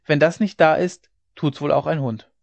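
A man's voice: normal speed, gravelly, dry recording. A male reader voicing an insolent, bull-necked laborer who talks back with cheeky defiance in a raised voice. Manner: cheeky, defiant, rising pitch. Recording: slightly dull lo-fi recording.

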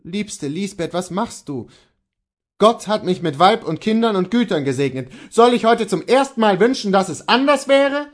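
An earnest, steadfast horse dealer speaks tenderly but firmly to his wife, as a male reader plays him. His slightly raised voice rises and falls with lively conviction. Storybook reading of a classic tale. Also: sits high, voice pushed up. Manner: earnest, measured, gently persuasive.

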